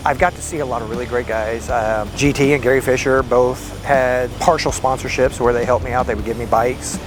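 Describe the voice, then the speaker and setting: A man's voice: medium pitch, steady tone, brisk, over music. A man in a casual interview, enthusiastically listing his adventures. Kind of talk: casual chat.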